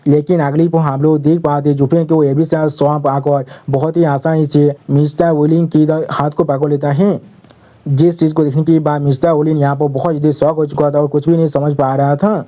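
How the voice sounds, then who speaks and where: A man narrating a manga recap in a steady storytelling manner. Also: on the high side, fairly quick.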